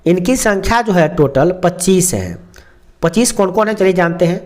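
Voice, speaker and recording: A young man with a high voice teaches a lesson. He goes slowly and repeats himself, stretching out each sound. He keeps asking a question and then answering it himself. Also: expressive, darkish tone. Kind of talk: explaining a lesson.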